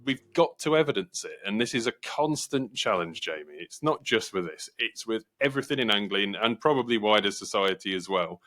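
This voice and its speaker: Man, English, podcast host, low voice, animated, argumentative. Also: fairly quick, hardly any pauses. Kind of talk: casual podcast conversation.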